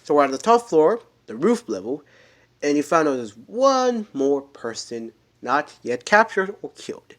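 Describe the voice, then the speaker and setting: A man's voice: fairly high pitch, sing-song. Rambling man improvising a story. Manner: rambling, halting, many restarts and fillers.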